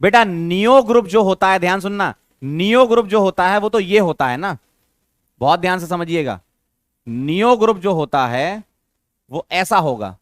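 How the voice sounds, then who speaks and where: A man's voice: sits high, lively intonation, normal speed, dry recording, clean studio sound. A man teaching a chemistry lesson, coaxing his students with questions and repeating the key terms. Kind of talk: classroom lecture.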